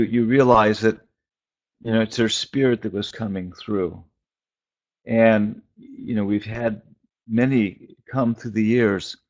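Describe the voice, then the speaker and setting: A man who preaches and teaches spiritually shares a relaxed, thoughtful prophetic message on a conference call, pausing at length between short, stumbling phrases. His voice is on the low side. The phone audio comes through dull and band-limited.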